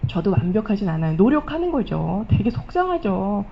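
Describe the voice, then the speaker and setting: A woman's voice: medium pitch, big pitch swings, brisk, creaky, slight background noise. A middle-aged woman giving a motivational stage testimony, telling stories animatedly and acting out the remarks she quotes. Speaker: speaker at a business recognition event. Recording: dull lo-fi event recording.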